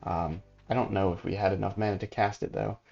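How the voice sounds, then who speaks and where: A man hosting a gaming channel, casually commenting on gameplay and thinking aloud in a relaxed, sleepy way. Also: fairly low pitch, a little fast, vocal fry, highs cut off, faint music behind. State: sleepy, yawning.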